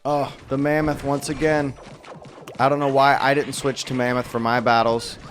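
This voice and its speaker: A man's voice: mid-range voice, little pitch movement, faint music behind. Upbeat male game commentator. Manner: upbeat, quick exclamations at plays. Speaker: tournament commentator. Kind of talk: mobile game play-by-play commentary.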